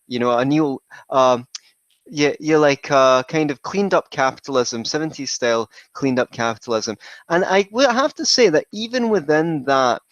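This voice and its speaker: A man's voice: medium pitch, dry recording, muffled recording. A man with a Scottish accent, a podcast guest telling his story in a wry, rambling way that keeps correcting itself. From Scotland. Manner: wry, digressive, self-correcting. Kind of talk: casual interview chat.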